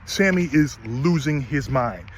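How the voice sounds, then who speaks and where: A man's voice: mid-range voice, animated, unhurried, slight background noise. A middle-aged man retelling a story about his horse in a casual vlog, earnest and emphatic, often restarting his sentences. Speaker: horse owner vlogger.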